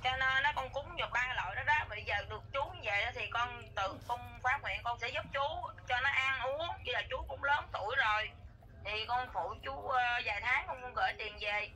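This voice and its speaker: Woman, rapid, effusive, noisy outdoor recording. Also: fairly high pitch, bright, forceful tone. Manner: eager, effusive, repetitive. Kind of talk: casual conversation.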